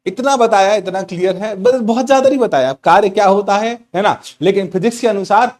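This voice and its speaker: Playful higher-voiced male physics teacher. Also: fairly quick, darkish tone. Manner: playful, repeats key points, addresses students as children. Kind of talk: online class lecture.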